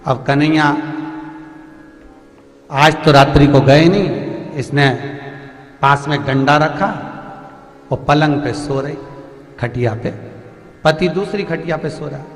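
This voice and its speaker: A man, a preacher telling a devotional story in a lively, folksy and dramatic way, in a large hall. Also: a little high, takes it slowly, pauses often. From central India. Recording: echoey hall with faint music.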